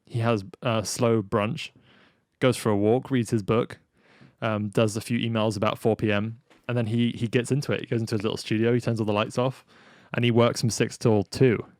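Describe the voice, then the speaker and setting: A man hosting a podcast in a relaxed, rambling way, full of "like" and "you know". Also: medium pitch, moderate pace, no room sound, studio quality. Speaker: podcast host. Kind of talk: casual conversation.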